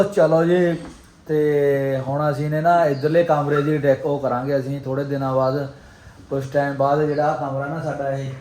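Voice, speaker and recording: At home indoors, a man with a Punjabi accent and a medium-pitched, darkish voice chats casually with viewers as a family vlogger and host. He's exclamatory and teasing, often repeating his phrases. The rooms are echoey, with faint background noise.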